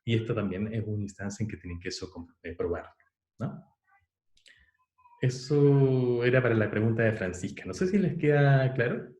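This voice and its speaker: A male lecturer talks through a class, explaining patiently and pausing on fillers as he restarts his phrasing. His voice sits at an ordinary middle pitch for a man. The room around him is echoey. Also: expressive, a little mellow. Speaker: university lecturer.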